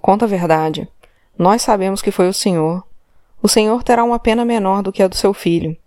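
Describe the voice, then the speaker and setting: A woman's voice: mid-range voice, brisk, a little mellow, no room sound, clean studio sound, natural voice. A woman voicing a male police commissioner who presses hard with insistent, repeated commands. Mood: pressing.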